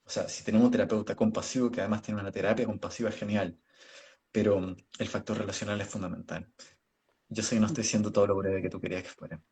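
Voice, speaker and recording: A middle-aged man with a Chilean accent explains his field in a measured way, stopping often to check he is followed. His voice is low and has a gravelly edge. He is heard over a video call. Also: little pitch movement, darkish tone. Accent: Chilean Spanish. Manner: measured, explains with examples and rhetorical questions. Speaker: clinical psychologist guest. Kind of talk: explanatory interview answers.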